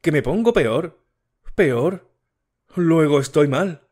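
A man's voice: medium pitch, lively intonation, slow. A man voicing a sickly, tearful young woman in an audiobook, pleading with her fiancé. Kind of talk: audiobook character reading.

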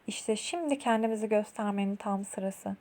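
A woman voicing a thoughtful male donkey from a children's story who speaks slowly and deliberately. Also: medium pitch, dark tone, lightly acted. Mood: pondering.

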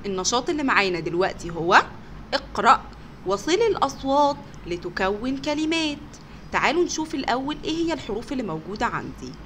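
Lively Egyptian woman teaching small children. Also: fairly high pitch, a little hiss or hum. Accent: Egyptian Arabic. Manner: sounds out words slowly, praises often. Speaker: kindergarten teacher. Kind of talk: recorded online lesson for young children.

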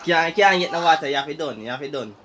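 A man's voice: fairly high pitch, fast. A young man casually commenting on an eating challenge, exclaiming and repeating himself, recorded on a phone at home. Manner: excited, repetitive exclaiming. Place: small room at home, phone camera. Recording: slightly noisy phone recording in a room.

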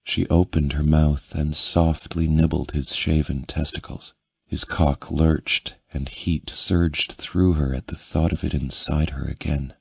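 A man reading a romance audiobook as narrator, in a low, intimate manner. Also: fairly even intonation, a little slow, gravelly, husky, no room sound. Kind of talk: scripted narration.

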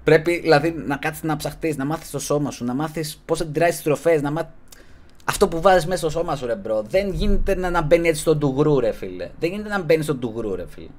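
A man hosting a casual podcast, giving earnest advice in slangy talk and closing his sentences with a low, mumbled "bro". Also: expressive, darkish tone. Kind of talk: casual streamed podcast chat.

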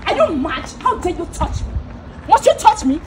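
A woman playing a rude, haughty young woman who shouts insults. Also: extremely high pitch, big pitch swings, moderate pace, heavy background noise. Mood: contemptuous. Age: young adult. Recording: loud music over the dialogue.

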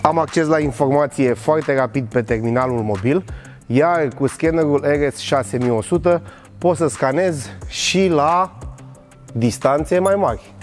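This thirtysomething man speaks in a mid-range, slightly mellow voice while demonstrating a product inside a large warehouse. The scripted, upbeat pitch comes as he walks and works.

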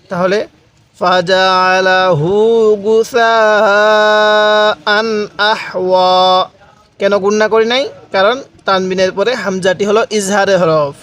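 A man teaching Quran reading, explaining rules quickly and then chanting verses slowly, asking learners to repeat after him. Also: sits high. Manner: alternates quick explanation with slow drawn-out chanting. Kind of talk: Quran reading lesson with slow chanted recitation.

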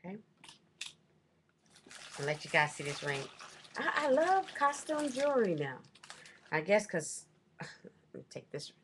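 This middle-aged woman's medium-pitched voice swings widely in pitch, moving at a measured pace with long pauses and a slightly bright tone. She's vlogging from a small room at home, showing off her purchases to a desk webcam, rambling and correcting herself, with slight background noise.

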